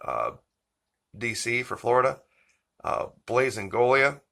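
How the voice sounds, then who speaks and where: A man hosting a political commentary channel, talking slowly and emphatically as he introduces a clip. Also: medium pitch, sing-song, creaky, sharp tone. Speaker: channel host.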